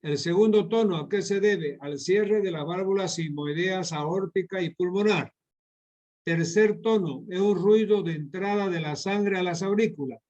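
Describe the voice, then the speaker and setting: A man's voice: high-pitched, measured pace, darkish tone. A middle-aged man giving a medical lecture over slides, repeating key points and addressing his students directly. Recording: dull lo-fi lecture recording.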